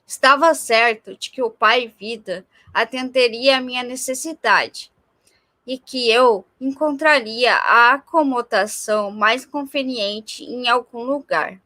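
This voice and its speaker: A woman on a livestream slowly reading a religious text aloud in a measured, careful way. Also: a little high, sharp tone, no echo. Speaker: reader on a livestream.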